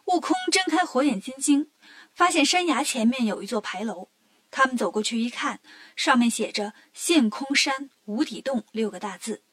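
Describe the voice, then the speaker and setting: Woman storyteller, children's story reading, lively and expressive, fairly high voice. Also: moderate pace, no room sound.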